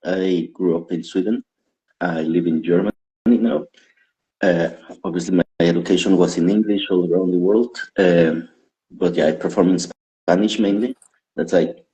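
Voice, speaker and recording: Low and mellow, the Guatemalan comedian's voice comes through poor audio as he chats casually in an interview. He rambles, laughs a lot, and keeps turning the jokes on himself.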